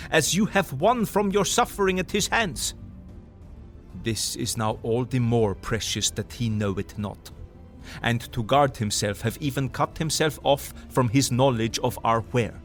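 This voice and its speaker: Van Helsing, fervent older professor. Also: male voice, mid-range voice. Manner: foreign, ungrammatical English, emphatic oratory. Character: earnest older male professor, vampire hunter, eccentric and fervent. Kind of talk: audio drama acting.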